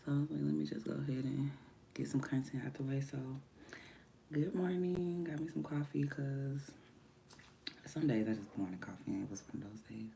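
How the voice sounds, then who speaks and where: Her just-woken voice deeper than normal and touched with vocal fry, a livestreamer and music artist chats casually from home on a morning stream. She rambles at a moderate pace, drifting from soft murmurs to livelier bursts, with a little hiss or hum audible.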